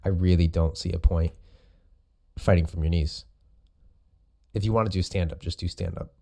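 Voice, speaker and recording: Over recorded sparring footage, a host and jiu-jitsu coach gives casual, informal explanatory commentary. His voice is deep, gravelly and dark, steady in tone and at a normal speed.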